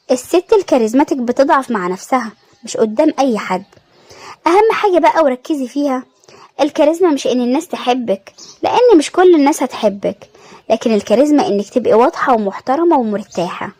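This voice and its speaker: A woman with an Egyptian Arabic accent giving scripted self-help narration in calm, measured short phrases. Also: sits high, no echo.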